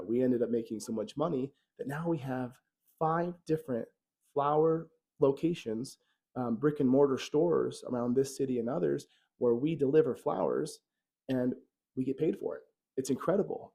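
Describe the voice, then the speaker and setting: A man's voice: medium pitch, gravelly, warm tone, husky. A man playing an amazed, chatty father. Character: grateful once-poor father, now wealthy.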